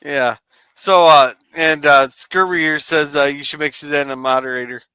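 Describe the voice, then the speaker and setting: A man with a high, bright voice hosts a casual live-stream chat. He talks loosely and reads viewer comments aloud in a smooth, clear tone. The sound is dry and close. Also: steady tone, normal speed, no room sound, poor audio. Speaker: podcast host.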